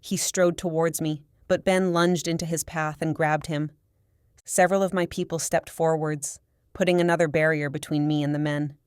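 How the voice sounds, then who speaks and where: A woman narrating a first-person audiobook in a steady, measured storytelling manner. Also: low-pitched, clean tone, dry recording, studio quality.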